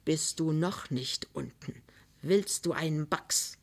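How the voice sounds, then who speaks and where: Woman doing a fierce old working-class mother, scolding, loud, higher and harsher than her reading voice. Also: fairly quick, natural voice. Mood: gruff scolding. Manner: scolding, shouting in bursts. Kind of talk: dramatic novel reading.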